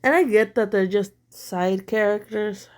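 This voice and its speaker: Her throat still bothering her from a mild illness, a woman gives filler-heavy, blunt and critical commentary at home as an online commentator. She speaks at a medium pitch and a measured pace.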